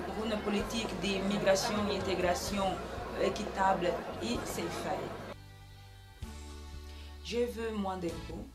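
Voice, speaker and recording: A woman from Belgium answering interview questions as a political candidate, in a measured way with frequent hesitations. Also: medium pitch. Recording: background music throughout.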